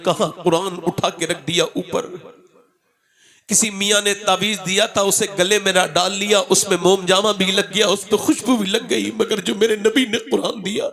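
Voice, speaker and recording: A man's voice: high-pitched, a bit bright. A man preaching a fiery sermon to a gathering, exhorting and repeating questions to draw responses. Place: religious gathering, through a PA.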